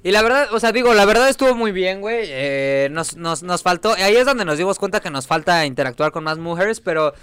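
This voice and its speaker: A man's voice: high voice, fairly quick, hardly any pauses, fairly bright tone, clear, resonant tone, no room sound. A young man with a Mexican Spanish accent, hosting a podcast in loose, slangy, joking chat. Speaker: podcast host. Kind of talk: casual chat.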